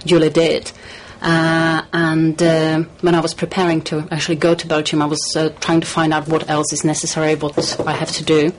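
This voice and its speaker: A woman from the Czech Republic, a studio guest in a radio interview, talking in a measured, hesitant way with many fillers. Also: low voice, monotone, a little hiss or hum, rough recording.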